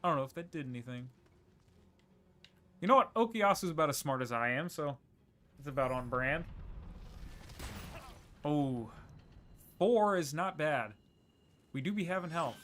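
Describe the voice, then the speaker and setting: Guy streaming a game, bright tenor-ish voice, rambly thinking out loud, faint music behind. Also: a little high, slight background noise. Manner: rambling, thinking aloud, quick laughs. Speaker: gaming streamer. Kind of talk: casual gameplay commentary.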